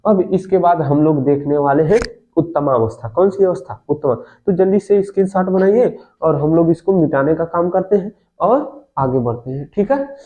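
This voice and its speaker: A man's voice: fairly high pitch, mellow. A male teacher giving a grammar lesson, asking questions and answering them himself, repeating key words and calling his listeners friends. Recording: phone-like lo-fi audio.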